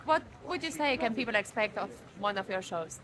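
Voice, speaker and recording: A woman host putting steady, direct prepared questions to a guest. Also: medium pitch, brisk, crowd noise. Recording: noisy background.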